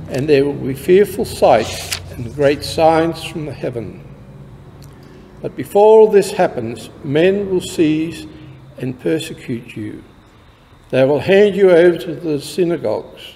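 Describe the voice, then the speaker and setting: A man with an Australian accent, a priest reading the Gospel at Mass in a slow, measured way, his voice ringing with cathedral echo. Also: a little high, dark tone, a little hiss or hum. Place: large church. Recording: long cathedral reverb.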